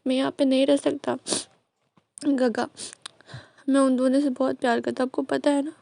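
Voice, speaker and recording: A woman's voice: sits high, flat delivery, normal speed, vocal fry, mellow, no room sound. Woman doing a tearful pleading young man. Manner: pleading, repeating words.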